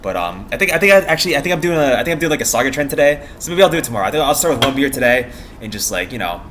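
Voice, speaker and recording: A man's voice: mid-range voice, very animated, very fast, a crowd in the background. A young American man chatting casually in a vlog, rambling in a meandering, giggly way and often trailing off mid-thought. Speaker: vlogger.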